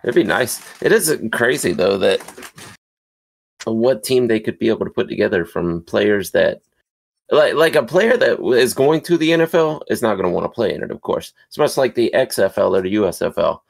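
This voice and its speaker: Chatty podcast guy w a low gravelly voice, laughs a lot. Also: big pitch swings, normal speed. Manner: chatty storyteller, laughs easily. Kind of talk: casual chat.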